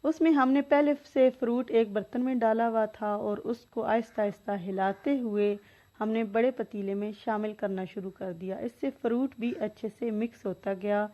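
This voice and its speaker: A woman hosting a cooking channel, narrating a video in a steady step-by-step way with tips. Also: on the high side, normal speed, muffled recording.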